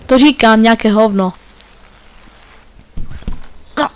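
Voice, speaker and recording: High-voiced joking man doing game commentary. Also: noisy background. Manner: joking, playful exclamations. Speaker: let's play gamer.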